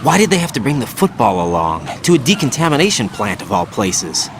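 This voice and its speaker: An actor voices a young male special forces operative in a video game cutscene, wary and constantly asking questions. His natural, medium-pitched voice moves a little fast with big pitch swings, and the game mix has clear background noise.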